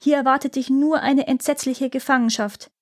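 A desperate young man held fast in stone pleads urgently in this storybook, as a woman reading the tale puts him on. The voice is raised well above the reader's usual pitch. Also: steady tone.

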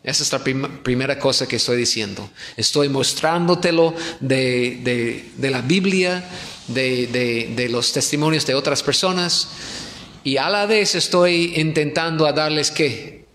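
Slow-speaking man preaching in an echoey hall. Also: mid-range voice, a bit bright, slight background noise. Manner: asks the audience questions and repeats himself. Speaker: pastor teaching a conference. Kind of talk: conference sermon. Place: church hall in Ecuador.

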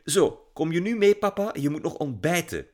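Man playing an eager teen girl, high and lively. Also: moderate pace. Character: bubbly teenage girl.

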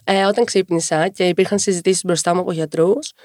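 A woman in her twenties, a podcast guest who talks quickly and tells her story with wry humor. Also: fairly low pitch, no echo, studio quality. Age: 20s. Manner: fast-talking, lively storytelling with wry humor. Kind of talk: casual conversational interview.

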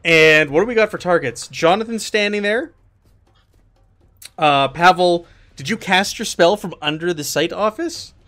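A man with a high-pitched, slightly slow voice runs a tabletop game as game master. He narrates in a relaxed, casual way, using lots of fillers and laughing often.

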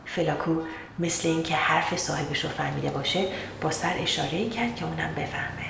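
Woman narrating a storybook in a lowish voice. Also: creaky. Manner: calm, measured narration. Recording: roomy echo with background noise.

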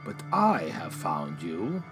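An actor playing a sinister devil who tempts the desperate, speaking slowly and calmly with quiet menace, in an audio drama. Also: male voice, low voice, music in the background, exaggerated voice, poor audio. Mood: menacing. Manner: slow, calm, quietly menacing.

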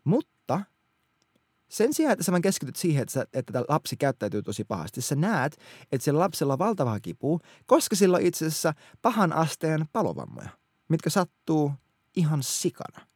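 Male teacher, casual faith talk, earnest and colloquial, lively pitch, dry close sound. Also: husky, no echo. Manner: animated, colloquial, earnest, many restarts.

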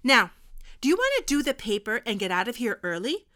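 A woman's voice: on the high side, big pitch swings, a little fast, pushed and bright. A woman acting a stern, lecturing history teacher keeping two students in detention. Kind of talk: audio drama acting.

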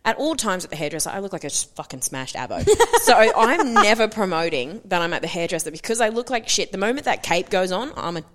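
A woman's voice: mid-range voice, very animated, fairly quick, hardly any pauses. A young Australian woman co-hosting a podcast in casual comedic chat, with slangy, crude, self-mocking talk. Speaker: podcast co-host.

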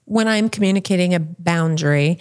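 A woman's voice: lowish voice, a little fast. A woman hosting a casual podcast discussion, talking in a reflective way and asking the others questions.

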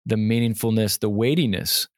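Animated pastor, man, dry podcast sound. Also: fairly low pitch, normal speed, dry recording. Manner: animated, quotes hymns and Scripture with rising emphasis. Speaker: pastor and pastor coach, podcast co-host. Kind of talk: casual conversational podcast.

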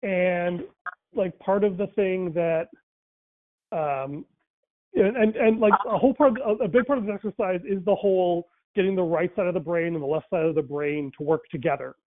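A Tamil-speaking man with a fairly high voice chats informally about faith and language at a moderate pace, thinking out loud with lots of fillers and false starts. The audio is dry and tinny, like a phone line.

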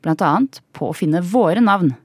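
Low-voiced young woman radio host. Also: lively intonation, darkish tone, slightly rough, no room sound, studio quality. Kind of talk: casual radio chat.

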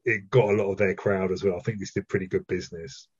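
Low, husky man on dull lo-fi audio. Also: steady tone, quick pace. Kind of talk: casual film discussion.

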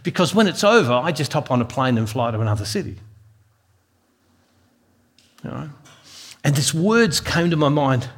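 A man's voice: a little high, big pitch swings, moderate pace, long pauses, breathy edge. Earnest man preaching a devotional sermon. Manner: earnest, repeats words as he builds a point. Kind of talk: devotional sermon with personal storytelling.

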